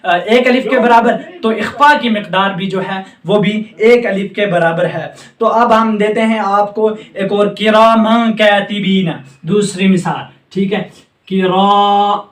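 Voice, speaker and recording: A man with a high, light voice teaches recitation at a board. He drills each sound slowly and keeps repeating reminders to remember. The room rings with echo, and he stands some distance from the mic. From Jammu and Kashmir. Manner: patient, repetitive drilling of sounds, often says remember. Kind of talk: tajweed lesson at a board. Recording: echoey room, speaker away from mic.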